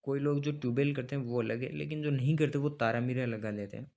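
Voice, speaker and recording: A man's voice: mid-range voice, fairly even intonation, fast, creaky, a little mellow. A man teaching an online exam-prep lesson in a chatty way, asking his students rhetorical questions and repeating key dates and names so they stick. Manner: chatty, asks students rhetorical questions, calls them brother.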